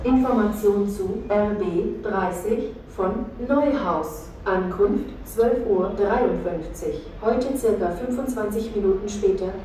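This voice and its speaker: Scripted automated platform announcements are read over an echoey train station loudspeaker by a woman with a standard German accent and a medium-pitched voice. She speaks in a measured, segmented, neutral way, and background station noise is clearly heard.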